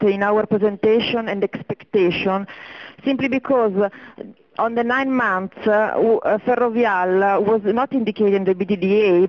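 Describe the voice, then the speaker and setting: A woman executive with Italian as her first language, explaining figures on an earnings call with many hesitations and fillers. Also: medium pitch. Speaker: company executive. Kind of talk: earnings conference call answers. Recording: muffled conference line.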